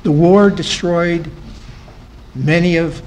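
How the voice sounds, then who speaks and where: A man's voice: fairly high pitch, steady tone, slow pace, a little mellow, a little hiss or hum, poor audio. A man giving an academic talk to a live audience as a conference panel speaker. He repeats key phrases for emphasis, and his voice drops off at the ends of phrases. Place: conference room.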